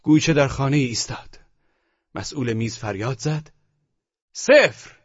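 A man narrating an audiobook novel in an expressive, storytelling way. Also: medium pitch, breathy edge, no room sound. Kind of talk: scripted narration. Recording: dull, dry studio recording.

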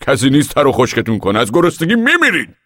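A man's voice: medium pitch, wildly swooping pitch, fairly bright tone, no room sound, studio quality, voice pushed up. A man voicing an urgent, insistent father of a farming family about to move away.

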